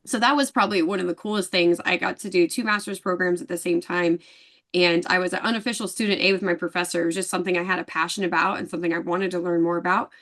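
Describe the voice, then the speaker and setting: A woman speaking quickly in a casual interview. She tells her story with energy and voices the people in it as she goes. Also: on the low side. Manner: animated storyteller acting out dialogue. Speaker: guest.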